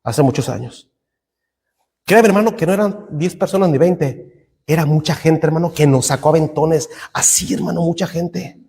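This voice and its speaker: A man's voice: a little high, normal speed, gravelly, mellow, long reverb tail. A middle-aged Mexican man preaching a fervent sermon in a Mexican Spanish accent, calling out to the brethren every few words. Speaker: pastor.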